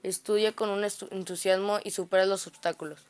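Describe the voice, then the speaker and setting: Halting woman reading grammar notes. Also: mid-range voice, steady tone, a little mellow, clean tone. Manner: reads haltingly, restarting stumbled words. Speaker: student reciting study notes.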